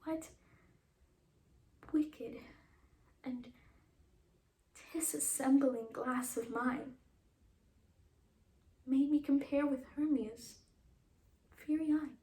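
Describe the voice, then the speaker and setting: A woman's voice: sits high, very slow, long pauses, dark tone. A young woman playing a lovesick young woman who feels plain and unloved, in a breathless, self-pitying classical monologue. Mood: forlorn. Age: young adult. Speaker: student actor. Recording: echoey room.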